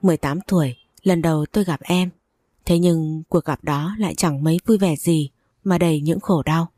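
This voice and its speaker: A woman narrating a first-person audio story in a steady, even reading voice. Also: sits low, moderate pace, no echo, clean studio sound.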